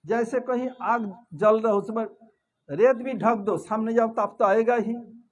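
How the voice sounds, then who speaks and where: A man with a high voice tells a scripture story as a sermon in a temple hall. He keeps it lively and acts out the characters as he goes. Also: a little slow, dull audio. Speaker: preacher.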